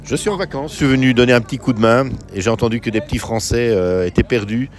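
A middle-aged man from Belgium, a volunteer answering a street interview at an evening barbecue, speaking haltingly with many restarts. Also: mid-range voice, faint music behind.

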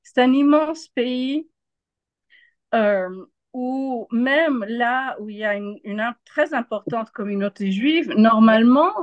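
Speaking slowly in a fairly high voice, this Argentine journalist grew up with the language and is being interviewed for live analysis. She pauses to find words and repeats them for emphasis, and the close, dry audio has no room sound and clipped highs.

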